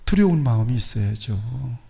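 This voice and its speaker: Man, pastor, sermon, earnest, questioning congregation, mid pitch, echoing church hall. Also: expressive, creaky, dark tone. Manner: earnest, asks the congregation questions, slows for scripture. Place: church sanctuary. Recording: long reverb of a church hall.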